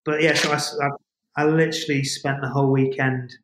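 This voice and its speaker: A man from northern England, a podcast guest telling stories in an animated, self-deprecating way and laughing often. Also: mid-range voice, fairly quick. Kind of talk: casual podcast interview. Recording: roomy echo.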